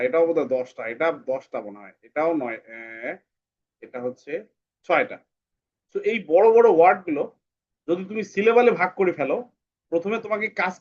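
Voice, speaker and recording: Man teaching slowly, lo-fi sound. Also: fairly high pitch. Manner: patient, repeats words slowly syllable by syllable. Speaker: English teacher. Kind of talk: online class for children. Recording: dull lo-fi sound.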